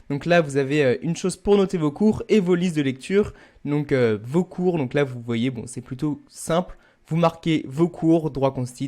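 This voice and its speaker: A man's voice: on the high side, a little mellow. Young man casually explaining an app. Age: young adult. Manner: casual, many "euh" fillers, addresses viewers as "vous". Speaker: student fitness youtuber. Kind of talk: screen-recorded software tutorial.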